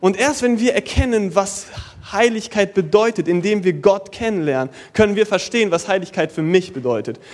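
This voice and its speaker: High-voiced young man preaching casually. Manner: casual youthful preaching, mixing in English slang, shifting from lively to soft and slow. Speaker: pastor. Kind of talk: sermon.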